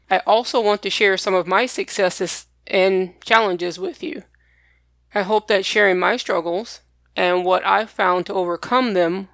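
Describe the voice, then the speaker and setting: A woman's voice: medium pitch, dry recording. A woman hosting a personal podcast, speaking directly and plainly to listeners in a partly scripted talk. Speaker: podcast host.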